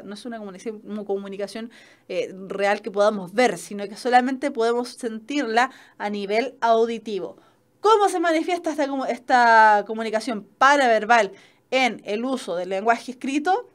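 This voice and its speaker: A woman's voice: on the high side, a bit bright. A young adult woman teacher with a Chilean accent, lecturing in an online class and often checking in with "¿cierto?". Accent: Chilean Spanish. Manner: explanatory, frequent "¿cierto?" checks.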